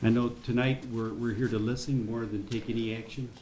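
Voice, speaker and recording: A man's voice: medium pitch, level tone, fairly quick, darkish tone, roomy sound, slight background noise, poor audio. A man chairing a village board meeting, speaking in a procedural way. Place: indoor village hall meeting room.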